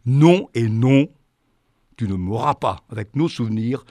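A man voicing a hundred-year-old talking penis that is stubborn and gruff, in a comic sketch. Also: mid-range voice, lively intonation, a little slow, a little mellow, no echo, studio quality. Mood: defiant. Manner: gruff, sulky, obstinate.

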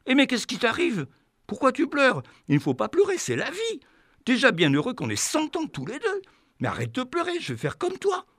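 A man's voice: very high-pitched, wildly swooping pitch, normal speed, a bit bright, no room sound, studio quality, heavily acted. A man playing a whiny, pleading hundred-year-old man in a comic sketch. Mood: fretful. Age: older.

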